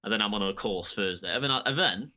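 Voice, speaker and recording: A man's voice: on the low side, fast, bright, forceful tone. Sweary guy telling a rambling story. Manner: sweary, rambling anecdotes with acted-out quotes. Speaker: podcast co-host. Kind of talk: casual storytelling chat.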